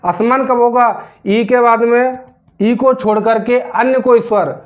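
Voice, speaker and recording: High-voiced teacher explaining grammar. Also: male voice, fairly even intonation, measured pace, dull audio. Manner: repeats questions to the class, drags out words while writing. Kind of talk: classroom grammar lesson.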